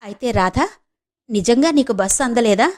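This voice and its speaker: A woman's voice: fairly high pitch, moderate pace, close to an everyday voice. Woman reading a hurt, unmarried elder sister. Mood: probing. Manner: firm questioning, then soft and heavy.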